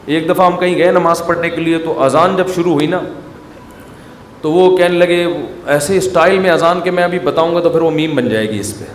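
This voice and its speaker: A fairly high-voiced man delivers a lively sermon, talking to the crowd in a conversational tone and breaking into drawn-out chanted imitations. His voice rings through a large echoing hall with a long reverb tail. Faint room noise sits underneath. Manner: animated, mimics long-drawn calls to prayer, conversational asides. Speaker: Islamic preacher. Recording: echoey hall with faint ambience.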